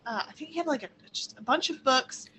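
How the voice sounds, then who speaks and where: Young woman, bright forceful voice, animated storyteller, faint hiss behind. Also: fast, low-quality recording. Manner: animated, acts out quotes in high voices, laughs often. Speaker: guest. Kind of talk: casual storytelling interview.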